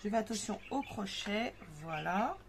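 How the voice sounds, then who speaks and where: A woman's voice: medium pitch, animated, measured pace. Brief: woman, craft tutorial host, chatty and hesitant, home recording with noticeable noise and parakeets chirping. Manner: chatty, thinks aloud with many fillers. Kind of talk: casual craft demonstration. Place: home craft table with parakeets and kids nearby.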